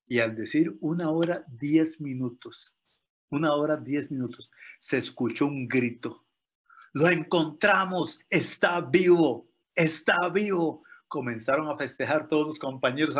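Husky man telling a story. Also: on the high side. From Costa Rica. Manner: earnest, dramatic storyteller. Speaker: motivational speaker. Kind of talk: motivational storytelling talk.

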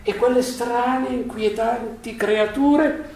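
A man voicing an earnest, indignant young prince in a storybook read aloud, his voice lifted high and exclaiming. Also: steady tone, takes it slowly, vocal fry, a little mellow, exaggerated voice. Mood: astonished. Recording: echoey room, voice far from mic.

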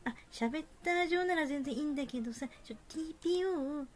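A woman voicing a gentle teenage student council president who chides a classmate hesitantly. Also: sits high, quick pace, a little hiss or hum, pitched above the performer's own voice, natural voice. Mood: gently chiding. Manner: hesitant, politely chiding. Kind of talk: reading game dialogue aloud.

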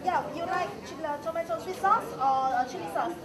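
A young woman with a Malaysian English accent casually guides people through a hands-on cooking demonstration, chatty, encouraging and quick to laugh. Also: extremely high pitch, far from the mic. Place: bright indoor activity room. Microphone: far camera. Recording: echoey room with loud crowd chatter.

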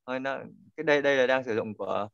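An English pronunciation teacher gives an online class, patiently correcting students and repeating key points. His medium-pitched voice is rapid-fire, creaky, a bit bright, clear and resonant. The video call audio is dull and lo-fi.

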